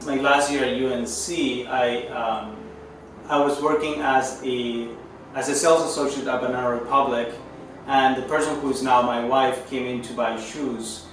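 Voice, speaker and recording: Brief: man, 30s, from Chile, Spanish native, consultant testimonial; earnest, halting, many restarts; mic set back in a roomy, echoing space. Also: mid-range voice, steady tone, a bit bright, a little hiss or hum. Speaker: management consultant. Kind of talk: testimonial interview. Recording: echoey room, distant mic, music underneath.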